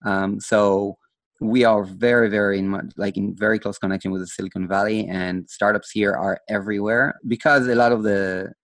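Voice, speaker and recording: A man telling his story casually as a podcast guest, halting as he thinks aloud. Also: on the low side, steady tone, a bit bright, no room sound. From Israel. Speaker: podcast guest, design entrepreneur.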